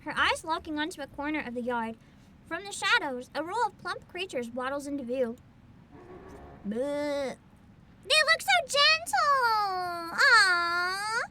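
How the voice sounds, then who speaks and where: A woman gives casual, animated commentary on a story game and reads its narration aloud. Her voice is high and very lively in pitch, with clear music behind her. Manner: animated, giggly. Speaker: streamer playing a story game.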